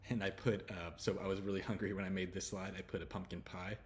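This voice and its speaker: A man from the United States giving a relaxed English pronunciation lesson, repeating each sound slowly with chatty asides. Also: low voice. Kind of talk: slide-based pronunciation lesson.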